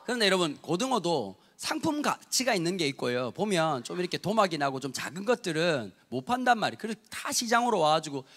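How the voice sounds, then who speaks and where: Man, 50s, from Busan, pastor, sermon, gravelly voice, humorous storytelling. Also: sits high. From Busan, South Korea. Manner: lively humorous storytelling, addresses congregation.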